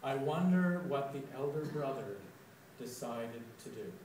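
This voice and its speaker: Slow-speaking man preaching in an echoey church. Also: mid-range voice, expressive, a little mellow, slight background noise. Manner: slow, deliberate storytelling, with dramatic quoted outbursts. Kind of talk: sermon reflection. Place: church sanctuary. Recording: echoey church, recorded from a distance.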